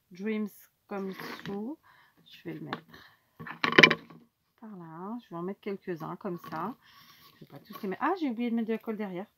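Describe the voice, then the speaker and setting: Woman, craft tutorial host, chatty and unscripted, thinks out loud. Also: on the low side, a little hiss or hum. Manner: chatty, thinking aloud with many fillers.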